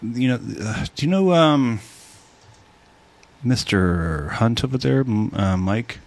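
A man's voice: medium pitch, expressive, slow pace. A man co-hosting a casual entertainment podcast, joking and swearing as he rambles through stories with many fillers. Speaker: podcast co-host. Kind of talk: casual chat.

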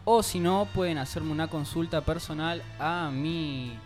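Young Argentine car salesman, bit high. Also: measured pace, faint music behind. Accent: Argentine Spanish. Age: young adult. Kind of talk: casual interview.

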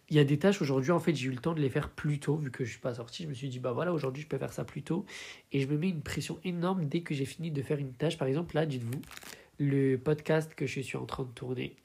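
A woman's voice: very deep voice, dark tone, breathy edge. A young woman hosting her own podcast in casual chat, stuffy with a head cold, rambling with many fillers. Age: young adult. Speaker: podcast host.

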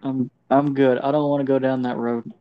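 A man co-hosting a casual podcast, laid-back and chatty, who gets excited when talking about anime. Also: medium pitch, moderate pace, clear, resonant tone. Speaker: podcast co-host. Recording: dull lo-fi sound.

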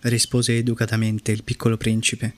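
A man narrating an audiobook in a calm, measured way. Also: lowish voice, a little hiss or hum. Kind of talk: audiobook reading.

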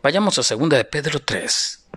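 A man, a preacher, reading scripture aloud in a slow, solemn manner with drawn-out phrases. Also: on the high side, lively intonation, fairly bright tone, breathy edge, no room sound. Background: music.

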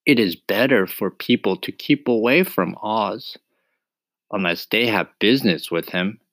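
A man's voice: lowish voice, unhurried, fairly bright tone, no room sound. A man voicing a grave, cautious male villager giving a warning.

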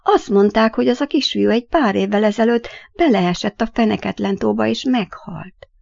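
A frightened young boy from a storybook, full of anxious, disbelieving questions, as a woman reads his part. The voice has a gravelly edge, and the recording sounds dry and a little dull. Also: medium pitch, darkish tone, no room sound. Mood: bewildered.

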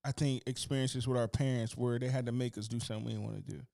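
A man co-hosting a podcast in casual chat, telling stories in a loose, animated, profane way. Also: medium pitch, quick pace, gravelly. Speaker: podcast co-host.

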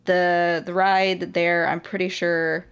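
A woman's voice: fairly low pitch, flat delivery, takes it slowly, clean tone. A young adult woman from Ohio, a motovlogger guest chatting casually on a podcast, laughing often.

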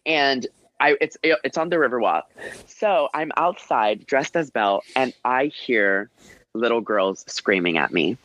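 A man, a drag performer, chatting as a guest with a groggy voice and an animated storytelling manner. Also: unhurried, no echo. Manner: animated storyteller, pitch jumps high when excited. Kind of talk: casual interview chat. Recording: slightly dull, dry audio.

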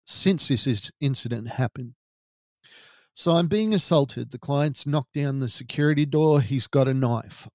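A middle-aged Australian man hosting a podcast, telling his own story gravely and deliberately, like a true crime narrator. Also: medium pitch, darkish tone, dry recording, studio quality. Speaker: podcast host.

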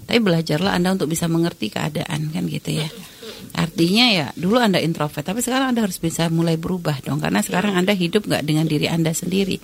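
A middle-aged woman giving Islamic advice in a conversational talk, speaking directly to the listener and telling lively personal stories. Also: lowish voice, quick pace, creaky. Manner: direct, addresses listener as "Anda"; animated anecdotal storytelling.

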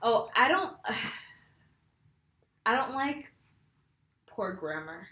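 A woman's voice: a little high, big pitch swings, drawn-out words, bright, forceful tone. A young woman in casual chat, blunt and emphatic, who acts out little quoted lines. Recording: echoey room.

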